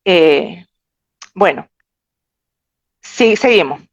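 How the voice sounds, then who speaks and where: A woman's voice: fairly low pitch, lively intonation, extremely slow, dry recording. A woman giving an online lecture on spelling rules, insistent and repeating her points emphatically. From Bolivia. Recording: dry, dull lo-fi recording.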